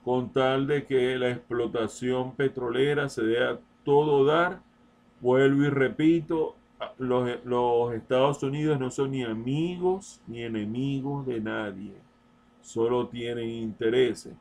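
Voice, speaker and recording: Slow, insistent man. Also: medium pitch, a little mellow. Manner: slow, deliberate, repeats points emphatically; addresses listener directly, insistent. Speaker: political commentator. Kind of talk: open-letter political monologue.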